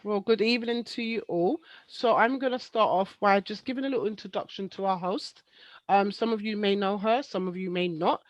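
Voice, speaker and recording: A woman's voice: medium pitch, fairly quick, dry recording, muffled recording. Chatty woman on a video call. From East London. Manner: chatty, friendly, with frequent ums. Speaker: webinar moderator. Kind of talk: casual online presentation hosting.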